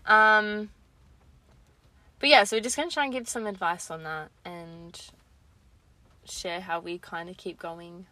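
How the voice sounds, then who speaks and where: Bright-voiced woman chatting casually. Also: lowish voice, unhurried, pauses often, no echo. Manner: informal, sweary, slangy. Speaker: podcast co-host. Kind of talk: casual advice chat.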